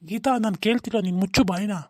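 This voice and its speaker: A worn-out young husband in a cartoon drama, voiced by a woman, keeps begging his squabbling wife and mother for a bit of quiet. The voice sits mid-pitched and sounds dry and close. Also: very fast, no room sound, close to an everyday voice. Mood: weary pleading. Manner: pleading, tired peacemaker. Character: young working husband caught in family quarrels. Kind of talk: cartoon voice acting.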